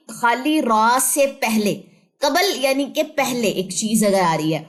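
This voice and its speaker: Woman, recitation teacher, patient, drawn-out examples, fairly high voice. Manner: mixes English terms into her talk. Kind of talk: online tajweed lesson.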